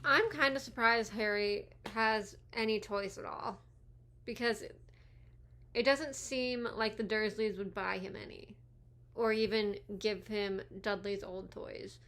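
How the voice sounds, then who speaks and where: A woman's voice: mid-range voice, steady tone, measured pace, bright, forceful tone. A woman in her twenties giving chatty, giggly movie commentary and going off on tangents, speaking around new retainers.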